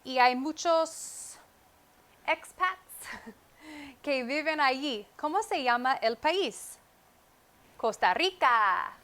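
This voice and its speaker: A woman teaching Spanish with comprehensible input. She speaks slowly and deliberately, repeats key words and adds short English glosses. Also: sits high, lively intonation, a bit bright. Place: at a whiteboard. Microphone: wireless microphone.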